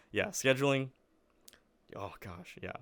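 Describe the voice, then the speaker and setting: A man's voice: lowish voice, a bit bright, clear, resonant tone, no echo. A young man hosting a casual podcast chat, laughing often and filling his sentences with "like". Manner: laughs often, lots of "like" fillers. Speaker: podcast host.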